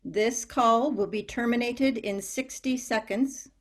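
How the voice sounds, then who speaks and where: A woman reading the part of an automated prison phone message in a flat, formal announcing tone. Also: fairly high pitch, measured pace, close to an everyday voice. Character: recorded prison phone operator message, female. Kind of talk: staged play reading.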